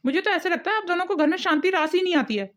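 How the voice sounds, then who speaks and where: A woman's voice: very high-pitched, expressive, very fast. A woman voicing an exasperated young husband and son in a cartoon family drama, lecturing and fed up.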